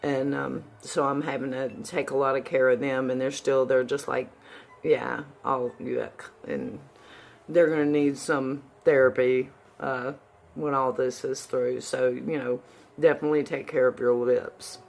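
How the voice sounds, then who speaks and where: A woman's voice: a bass voice, little pitch movement, normal speed, gravelly, darkish tone. A woman giving a casual, candid, folksy update to viewers, her s sounds whistling through new dentures. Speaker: vlogger.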